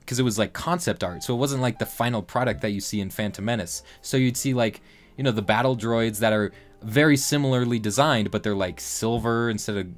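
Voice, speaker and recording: A man in his late teens hosting a casual livestream, rambling along with lots of fillers and restarts. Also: medium pitch. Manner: rambling, loose talk full of fillers and restarts. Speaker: livestream host.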